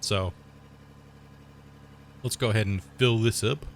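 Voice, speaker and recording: Taking it slowly in a fairly low voice, with a little hiss or hum, a gaming channel host narrates his own gameplay while sick and losing his voice. His commentary rambles casually, explains terms, and spikes into excited outbursts at mishaps.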